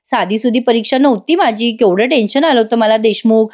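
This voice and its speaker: Brief: hoarse woman reading a teasing young wife, coaxing and high. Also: a little fast, darkish tone, close to an everyday voice.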